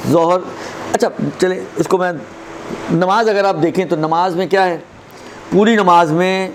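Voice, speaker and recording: Guy with a high voice teaching a religion class, explains step by step and says verses out slow, bit of noise and cars in the background. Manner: explanatory, demonstrates recitation slowly, checks in with listeners. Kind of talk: religious lesson on prayer recitation.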